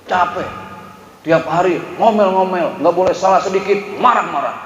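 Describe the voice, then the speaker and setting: A man's voice: a little high, a little hiss or hum. Man preaching in an echoey hall. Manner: storytelling, acts out husband and wife voices. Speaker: Islamic preacher. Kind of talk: humorous sermon. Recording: echoey dull hall recording.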